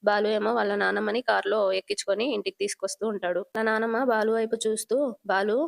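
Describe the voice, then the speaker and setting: A woman retelling a TV serial episode in brisk storytelling, linking the characters' lines with "he says" and "she says.". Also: mid-range voice, flat delivery, creaky. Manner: brisk storytelling, linking quotes with 'he says' and 'she says'.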